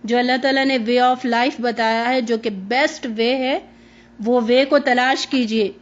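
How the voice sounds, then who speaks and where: A high-pitched woman gives a Quran lesson on a dull, lo-fi recording. She explains each verse line by line and acts out the pleas and replies she describes. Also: fairly even intonation. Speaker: Quran teacher.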